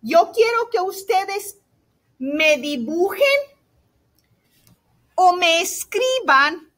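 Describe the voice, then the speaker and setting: A woman teacher giving a remote lesson to young children, slow, sweet and encouraging, asking "ok?" often and mixing in English words. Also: very high-pitched, expressive, a bit bright. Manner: mixes in English words like "so" and "all right".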